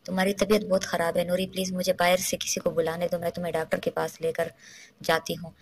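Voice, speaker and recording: A woman's voice: on the low side, level tone, brisk, natural voice. Woman voicing a worried caring young friend.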